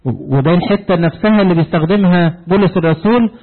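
A man with an Egyptian Arabic accent delivers a sermon and tells the story lively, pausing on questions for the listeners to complete. His voice sits a little high for a man. The recording is narrow and tinny, like a phone line. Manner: asks the congregation fill-in questions ending in "what?"; animated storytelling, retelling dialogue. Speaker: preacher.

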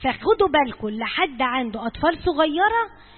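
A woman's voice: high voice, big pitch swings, fairly quick, big-room sound, phone-quality sound. An Egyptian woman giving an earnest church talk to mothers, speaking directly and repeating points for emphasis. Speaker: church servant advising mothers.

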